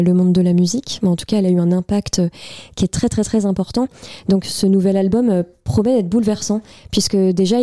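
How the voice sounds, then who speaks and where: A woman's voice: mid-range voice, mellow. A young woman co-hosting a radio music show, presenting new album releases playfully and joking about her own puns. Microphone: studio microphone.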